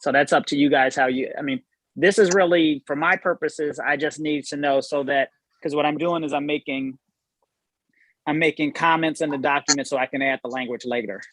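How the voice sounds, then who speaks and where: A man's voice: on the high side, fairly even intonation, brisk, fairly bright tone, poor audio. A man speaking as an attorney at a meeting, carefully explaining and rephrasing legal wording. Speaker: village attorney.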